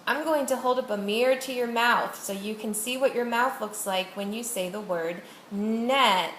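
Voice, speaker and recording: A woman teacher demonstrating a reading lesson with a student, saying each word slowly and deliberately to model its sounds. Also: a little high. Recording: echoey room with faint noise.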